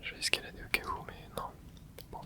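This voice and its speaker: Fairly quick, pushed and bright, this voice belongs to a gaming channel host who whispers as he plays. His commentary is casual and rambling, with lots of hesitation and filler words as he thinks aloud.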